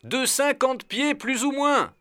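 A man's voice: very high-pitched, animated, slow, sharp tone, clean tone, no echo, studio quality, pitched above the performer's own voice, heavily acted. A man voicing a decisive male doctor leading an expedition, giving urgent orders, in a storybook reading.

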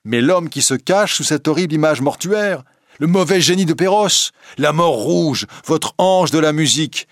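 Storybook figure: jealous young man , voiced by a male reader, raging and scornful, pitched up. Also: steady tone, normal speed, few pauses, no room sound, studio quality, natural voice. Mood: angry. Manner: angry, bitter, ironic outbursts.

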